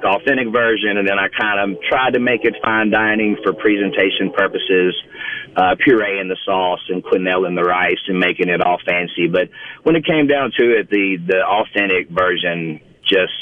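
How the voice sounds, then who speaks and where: Male interview guest, Mississippi accent, deep register, folksy and conversational, over a thin phone-like connection. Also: a little hiss or hum. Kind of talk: casual radio interview. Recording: thin phone-like line, distant from mic.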